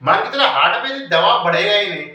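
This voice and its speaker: A man's voice: high-pitched, animated, fairly quick, bright, forceful tone. A man giving an informal medical lecture, explaining with everyday analogies and rhetorical questions. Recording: echoey room, voice far from mic.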